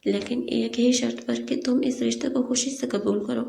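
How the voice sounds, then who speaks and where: A woman's voice: on the high side, steady tone, gravelly, mellow, slight background noise. A woman voicing a blunt, protective young man in an audiobook story, talking firmly and plainly. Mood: stern.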